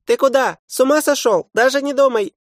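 A man's voice: very high-pitched, a little fast, no echo, clean studio sound, pitched above the performer's own voice. A man voicing a panicky, whiny young male gremlin sidekick in an audiobook. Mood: alarmed. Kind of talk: audiobook character voice.

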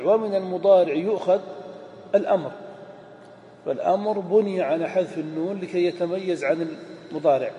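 A man's voice: fairly high pitch, warm tone, dull audio. A man teaching a classroom grammar lesson, explaining step by step and answering his own questions. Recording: echoey hall, faint room noise.

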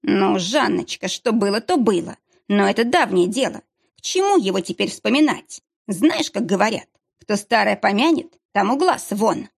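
A woman voicing a whiny, pleading middle-aged ex-husband with a drawn-out, whining delivery. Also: mid-range voice, lively intonation, creaky, breathy edge.

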